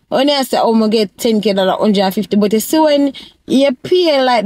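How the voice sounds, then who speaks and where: A young woman from Jamaica with a Jamaican accent, giving casual advice in a vlog and mixing patois into her English. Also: fairly high pitch. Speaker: vlogger.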